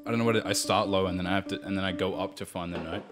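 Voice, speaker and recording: A man's voice: sits low, steady tone, racing, over music. A man with an Australian accent, co-hosting a casual podcast chat in an easygoing, self-deprecating way. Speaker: podcast co-host.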